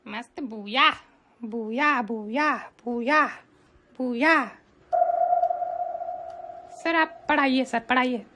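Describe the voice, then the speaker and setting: A woman's voice: high-pitched, extremely slow, long pauses. A woman playing a cheeky student who teases and mocks the teacher in a sing-song way. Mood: teasing. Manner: teasing, sing-song mockery. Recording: noisy home recording.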